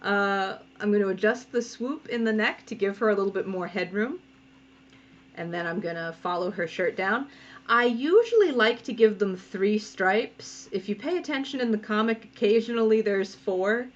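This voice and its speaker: Recorded with dull audio, a woman with a medium-pitched voice speaks expressively at a normal speed. She's a cartoonist giving a casual drawing tutorial at home, chatty and giggly, regularly pausing to scold her cats.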